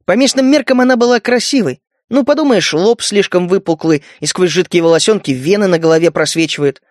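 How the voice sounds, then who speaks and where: A man narrating an audiobook in an even storytelling manner. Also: high voice, a little fast, no echo, studio quality.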